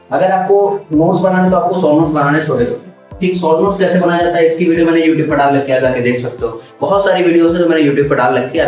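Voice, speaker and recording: Male teacher with a north Indian Hindi accent, rapid coaching delivery, recorded far off in a very echoey room. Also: fairly high pitch, a little mellow. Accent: Hindi-speaking north India. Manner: fast, instructive, repeats points, checks with "ठीक है?". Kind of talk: study-advice lesson. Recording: echoey room, distant mic, faint music.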